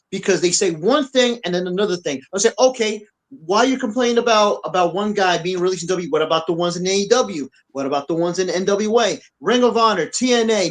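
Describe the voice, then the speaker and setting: Brief: high-voiced male podcast co-host, blunt and profane, repeats himself mid-rant. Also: rough recording. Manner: blunt, repetitive, profane, animated. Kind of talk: heated opinion rant. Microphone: on camera.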